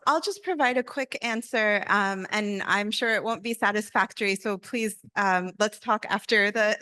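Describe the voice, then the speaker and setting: A woman's voice: mid-range voice, sharp tone, no echo. A young woman on a conference stage with a handheld mic, answering audience questions thoughtfully with a string of rhetorical questions. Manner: reflective, poses many rhetorical questions. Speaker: panelist. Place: large conference hall stage.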